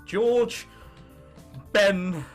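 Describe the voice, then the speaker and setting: This gaming video host, a 19-year-old man from England with an English accent, speaks extremely slowly in a high voice over soft background music. His commentary is casual and sarcastic, with mock bravado, self-mockery and casual swearing, and he occasionally reads on-screen text out loud.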